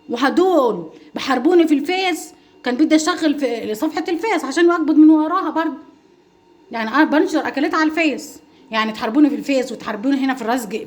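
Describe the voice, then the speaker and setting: A middle-aged woman with a high-sitting voice, a mother and home-cooking vlogger, answers her critics on a livestream. She pleads emphatically, repeating herself.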